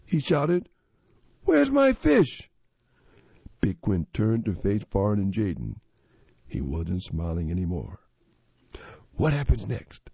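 A man reading magazine stories and articles aloud in a steady, measured way. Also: lowish voice, slightly rough, no room sound. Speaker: magazine reader. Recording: dull lo-fi recording.

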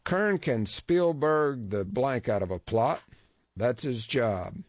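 A man with a mid-range voice reads a first-person feature story aloud, animated yet slow, in a wry, dryly humorous manner. The scripted narration comes through as a dull, lo-fi, dry recording.

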